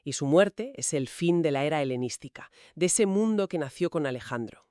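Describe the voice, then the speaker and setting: A podcast co-host with a measured, explanatory manner, laying out history points one by one in casual conversation. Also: medium pitch, expressive, warm tone, no echo, clean studio sound.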